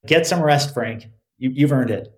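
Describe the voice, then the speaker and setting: Male podcast guest, professional and considered, halting delivery with repeated phrase openings. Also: medium pitch, rough recording. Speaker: podcast guest, crypto legal expert. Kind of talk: considered interview answers.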